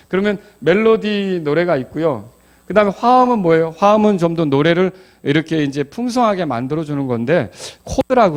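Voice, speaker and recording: Fairly high-voiced pastor teaching class. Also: male voice, darkish tone. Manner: explanatory, asks the class questions, claps out rhythms. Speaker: pastor teaching Bible study. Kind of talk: Bible study lesson.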